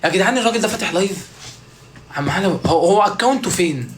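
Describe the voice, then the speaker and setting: A man's voice: high-pitched, lively intonation, racing, background noise. A man with an Egyptian Arabic accent doing a joking, playful comic monologue to his viewers. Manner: joking, playful, mimics street vendors. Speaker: content creator.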